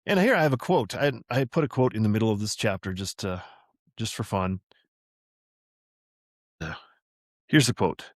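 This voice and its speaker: A man's voice: fairly low pitch, moderate pace, long pauses, no room sound, studio quality. An older man hosting a podcast, reading a family memoir aloud and drifting into chatty, rambling asides that he corrects as he goes. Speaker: podcast host.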